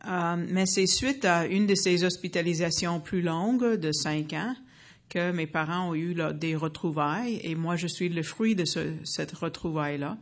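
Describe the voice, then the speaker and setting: Speaking to a crowd, this U.S. woman in her 50s shares her faith story in an earnest, halting way, often restarting and filling pauses. Her pitch sits on the low side.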